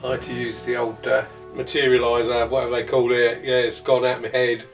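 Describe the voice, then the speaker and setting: Ein britischer Darsteller plaudert locker und witzelnd über seine Rolle. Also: male voice, medium pitch, flat delivery, a little fast, gravelly, faint music behind. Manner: chatty, jokey. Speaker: cast member. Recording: distant mic.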